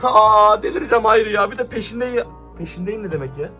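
Young man, very high voice, frantic, exclaiming, home vlog, handheld camera, faint music behind. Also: lively intonation, fast, bright, forceful tone. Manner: frantic, exclaiming, keeps addressing viewers. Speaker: YouTuber. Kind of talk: staged excited vlog. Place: his home, indoors.

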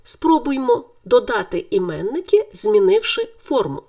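A woman teaching a Ukrainian grammar lesson in clear, deliberate scripted speech, stressing the word endings. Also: fairly high pitch, wildly swooping pitch, dark tone, recorded from a distance.

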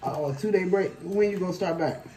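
A man, the parent, quizzing his kids in casual family chat with teasing, drawn-out questions. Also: high-pitched, dark tone.

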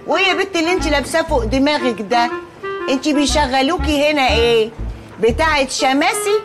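Loud auntie. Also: female voice, high voice, expressive. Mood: bossy, doting. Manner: loud, fast, teasing, country slang. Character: loud folksy middle-aged aunt, pushy and doting. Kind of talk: sitcom acting. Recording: TV sitcom audio with music behind.

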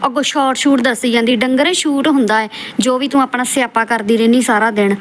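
This roast channel host, a woman, lectures and scorns the subject of a clip in scolding commentary laced with insults. She speaks at a quick pace in a slightly high voice with a steady tone.

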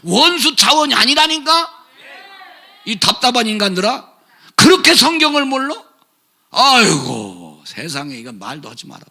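Fiery, gravelly preacher man. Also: very high voice, very animated, moderate pace. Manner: shouting, sarcastic, scolding, swings from loud to muttered. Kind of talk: fiery political sermon.

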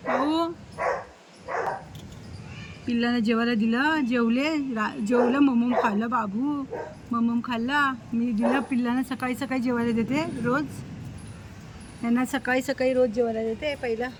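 A high-voiced woman chats to her pets and the crows in coaxing, sing-song baby talk. She talks slowly. A faint hiss of noise sits behind her voice. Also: fairly even intonation. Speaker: vlogger feeding animals.

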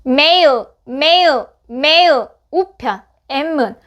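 A woman's voice: sits high, animated, extremely slow, fairly bright tone, dull audio. A woman teaching beginner English phonics. She repeats each word three times, then gives its meaning and tips on how to say it. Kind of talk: slow repeated word drills with explanations.

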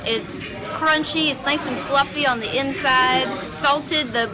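A young adult woman filming a taste test in a restaurant, talking to camera in an excited, gushing way. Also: sits high, takes it slowly, a crowd in the background. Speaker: food reviewer host. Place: busy restaurant.

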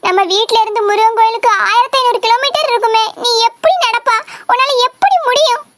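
Fussy nagging cartoon mom, very high squeaky voice, voiced by a voice actor. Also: fast talker, a bit bright. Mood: fretful. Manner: scolding, exasperated nagging. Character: scolding doting mother, fussy and dramatic. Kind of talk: Tamil cartoon comedy voice acting.

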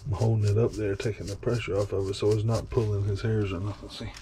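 This man, a vlogger, chatters in a rambling, folksy manner while bathing his dog in a kitchen sink, turning occasionally to speak to the animal. He talks fast in a warm, fairly low voice that barely shifts in pitch, with running water audible in the background.

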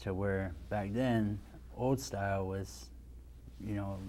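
His voice is fairly low, steady, slow, and mellow: a Nebraska man in his thirties, a dance instructor, guesting on a studio talk show indoors. Into his lapel mic he talks casually and easygoingly, rambling with plenty of restarts and "you know." Slight background noise can be heard.

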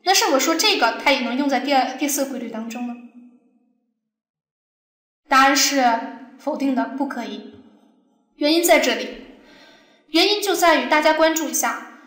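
Female teacher, high voice, patient step-by-step lesson delivery with questions to the class; echoey room. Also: animated, normal speed, long pauses, fairly bright tone. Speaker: Arabic teacher. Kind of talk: recorded language lesson.

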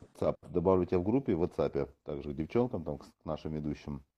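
A man's voice: very deep voice, expressive, quick pace, lo-fi sound. A man recruiting online hosts in a casual chat, rambling with lots of fillers and joking asides.

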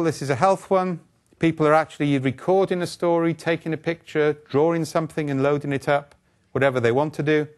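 Brisk, wry older man giving a keynote. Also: on the high side. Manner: brisk, wry and blunt, with asides and rhetorical questions. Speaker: keynote speaker. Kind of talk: conference keynote lecture. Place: conference stage, indoors.

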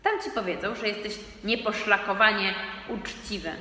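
A woman voicing a solemn know-it-all schoolboy who lectures gravely. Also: mid-range voice, normal speed, pushed and bright, recorded from a distance, lightly acted. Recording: echoey room, long reverb, faint noise.

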